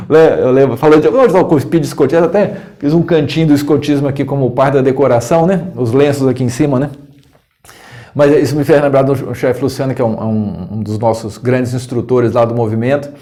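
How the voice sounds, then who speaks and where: A man's voice: mid-range voice, fairly quick, dark tone. A man with a Brazilian Portuguese accent teaching a casual video lesson on communication. He talks conversationally, keeps adding little check-in questions, and breaks into short acted tones of voice. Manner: conversational, tag questions, acts out tones of voice with laughs. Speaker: coach and educator. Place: indoors, room with scouting decor corner.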